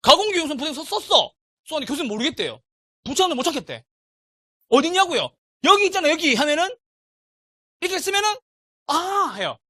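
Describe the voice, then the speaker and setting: Animated man lecturing a live class. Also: very high-pitched, quick pace, long pauses, no echo, clean studio sound. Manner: animated, drills students with repeated call-and-response questions. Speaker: real estate exam lecturer.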